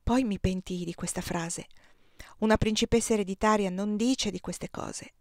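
A woman reading a novel aloud in the first person, with an expressive, lively delivery. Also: medium pitch, normal speed, no room sound, studio quality. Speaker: audiobook reader.

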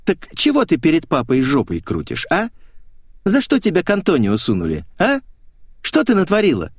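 A man's voice: fairly high pitch, huge pitch swings, normal speed, slightly rough, dry recording, clean studio sound, pitched above the performer's own voice, heavily acted. A male audiobook reader voicing a sly young woman who purrs and taunts. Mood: taunting. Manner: purring, taunting.

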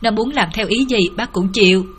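A woman's voice: medium pitch, moderate pace, breathy edge. A woman narrator voicing a worried middle-aged mother who pleads tearfully for help finding her runaway daughter. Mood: pleading.

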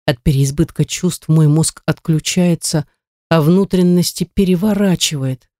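An audiobook reader telling a first-person story in a measured, wry way, into a close mic. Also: mid-range voice, darkish tone, dry recording.

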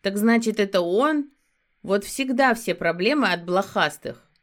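A woman's voice: medium pitch, animated, measured pace, voice pushed up, natural voice. Woman reading a blunt, anxious young man. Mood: worried, urgent. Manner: blunt, swearing, urgent warnings.

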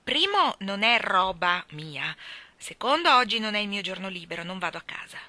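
In a storybook reading, a woman voices a cheerful, talkative young housemaid whose speech is lively, homely and blunt. Her natural, mid-range voice moves very fast, with a chatty, lively mood. There is no room sound.

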